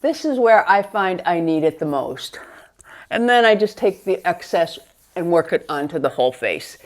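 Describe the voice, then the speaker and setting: A woman's voice: on the low side, lively intonation, moderate pace. A middle-aged woman beauty vlogger in a casual get-ready-with-me chat, rambling conversationally and talking straight to viewers.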